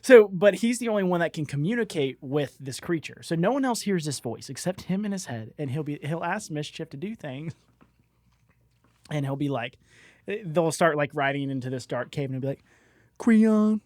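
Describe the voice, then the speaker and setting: Guest DM, male, high voice, giggly, self-deprecating, dry close mic. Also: lively intonation, a little fast, darkish tone, no room sound. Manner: laughing often, self-deprecating. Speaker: guest, dungeon master. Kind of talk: casual podcast chat.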